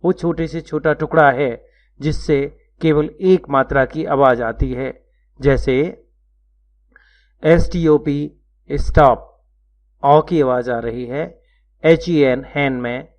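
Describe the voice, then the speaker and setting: A man giving a scripted lecture, spelling out words letter by letter in a measured teaching manner. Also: mid-range voice. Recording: dull lo-fi recording.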